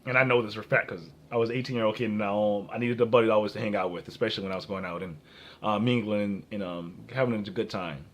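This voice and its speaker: A man's voice: lowish voice, fast talker, a bit bright, slight background noise. A man in his early twenties with an American accent gives off-the-cuff relationship advice and personal anecdotes, rambling, often breaking off and repeating himself. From Minnesota, United States. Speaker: dating advice vlogger.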